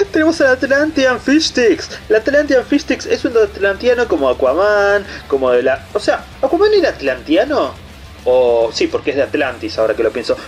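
A man with an Argentine Rioplatense accent talks through an unboxing in a rambling, enthusiastic way. His voice sits high and swoops up and down all the time. Soft music plays faintly behind him. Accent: Argentine Rioplatense Spanish. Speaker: unboxing channel host. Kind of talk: casual unboxing commentary.

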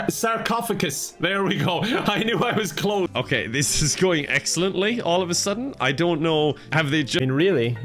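A man doing deadpan, self-mocking comedic commentary over video games. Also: fairly high pitch. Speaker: gaming YouTuber.

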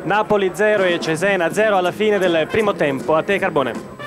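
High-pitched male football correspondent. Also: a little fast, over loud music. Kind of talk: live score update.

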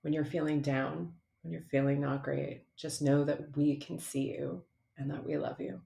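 Man, very gravelly mellow voice, tender and measured, roomy echo. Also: on the high side, flat delivery. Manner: measured, tender, formal address. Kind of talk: heartfelt birthday video message. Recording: echoey room.

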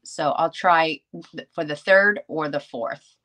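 A woman's voice: sits low, slow, sharp tone. A middle-aged woman from New York hosting a casual craft livestream, chatty and rambling as she greets viewers by name. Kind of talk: casual live-stream chat.

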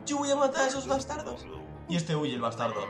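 A man giving casual reaction commentary, swearing, mocking and breaking into shouts. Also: very high voice, wildly swooping pitch, fairly quick, reverberant, music in the background. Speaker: video reactor.

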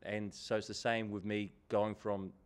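Animated coach, low voice. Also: male voice, unhurried. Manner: animated, repeats key phrases for emphasis. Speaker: head coach. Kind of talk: post-match press conference answers. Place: indoor press room. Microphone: table microphone in front.

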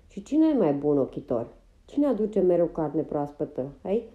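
A woman's voice: sits low, sing-song, warm tone, highs cut off. A woman voicing a blunt, motherly older woman of a wagon train, firm and commanding, in an audiobook.

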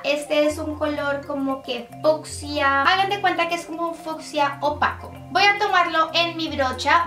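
A young woman hosts a casual makeup tutorial in a high, bright, forceful voice, chatting as she explains each step and using plenty of diminutives. The room is echoey, she sounds a little distant, and faint music plays.

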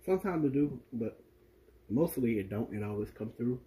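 Cooking at the stove, a Southern-accented man keeps his home vlog casual, addressing viewers directly in an easygoing way. His voice is medium-pitched and moderately paced, and the audio quality is poor.

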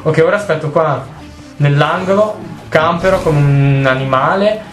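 A young man giving jokey, excitable let's play commentary while he plays, swearing often. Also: a little high, moderate pace, soft background music. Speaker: gaming video host. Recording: roomy with faint noise.

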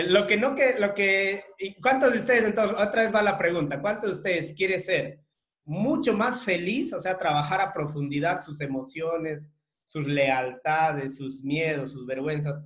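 High-voiced man coaching a group. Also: a bit bright, reverberant. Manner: rambling, with frequent tag questions and filler words. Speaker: emotional coach leading a workshop. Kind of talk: conversational group talk.

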